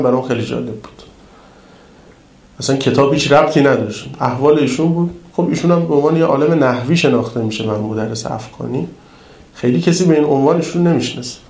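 A man preaching to pilgrims, telling a story in a lively, colloquial way. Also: mid-range voice, roomy sound. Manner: colloquial, lively retelling of an anecdote. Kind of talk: storytelling sermon in casual speech.

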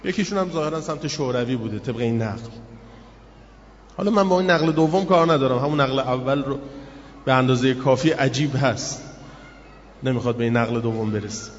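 A man preaching a sermon to a gathered audience. He tells a story dramatically, acting out the characters' lines with rising intensity and stretching words out slowly for emphasis. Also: mid-range voice, a little hiss or hum. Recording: dull lo-fi recording with long hall reverb.

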